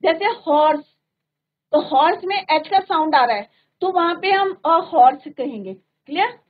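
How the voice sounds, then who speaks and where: Speaking a little slowly and expressively in a high voice, a female teacher gives a grammar lesson in Hindi and English in a classroom studio, repeatedly asking if the class is with her. The recording has a narrow, phone-like band.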